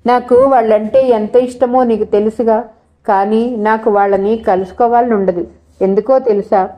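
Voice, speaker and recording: A woman's voice: fairly high pitch, steady tone, moderate pace, highs cut off, lightly acted. A woman voicing a playful young female college student who teases her friend in a coaxing way. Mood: teasing. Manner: teasing, coaxing.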